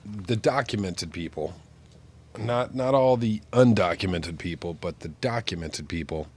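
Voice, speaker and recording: Low-voiced, stuffed-up man with a pinched-nose sound. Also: measured pace, a little mellow, slightly rough. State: sick with flu, stuffed-up sinuses. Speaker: game streamer. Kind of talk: casual livestream chat while gaming.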